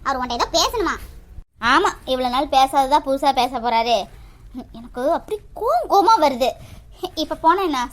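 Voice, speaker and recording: A woman playing a young newly married wife who angrily scolds her husband in a family skit. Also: high-pitched. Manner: indignant, scolding, sarcastic.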